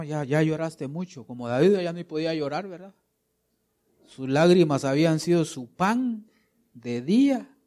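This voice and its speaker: A man's voice: mid-range voice, darkish tone. A man preaching a sermon as pastor, asking rhetorical questions and acting out quotes, rising to emphatic peaks. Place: church.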